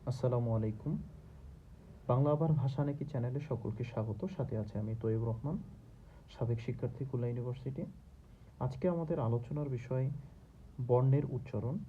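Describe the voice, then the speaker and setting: A man's voice: medium pitch, dark tone, slight background noise. A young man teaching a grammar lesson, working through exercises and patiently repeating each question step by step. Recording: dull lo-fi recording.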